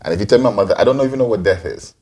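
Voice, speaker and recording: Talking very fast in a lowish, dark-toned voice, a man in his forties answers interview questions as a podcast co-host. He comes from Guyana, grew up in Antigua, and rambles with many restarts.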